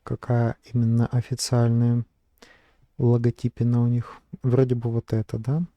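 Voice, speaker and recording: A man's voice: mid-range voice, monotone, normal speed, mellow, dry recording. A man narrating his screen as a vlogger, thinking aloud in a hesitant way with many fillers. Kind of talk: casual screen-recording narration.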